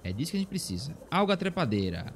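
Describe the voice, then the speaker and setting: A man's voice: on the high side, sing-song, fast talker, slight background noise. A young man with a Brazilian Portuguese accent streams a survival game live, talking to himself and thanking viewers in chat. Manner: chatty, talks to himself and thanks chat members. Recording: game music playing behind.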